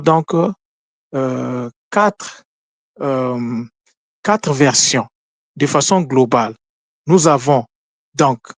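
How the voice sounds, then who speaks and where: A man giving a spoken lesson on word meanings, slow and deliberate, pausing often with fillers. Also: mid-range voice, creaky, dry recording. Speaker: language teacher.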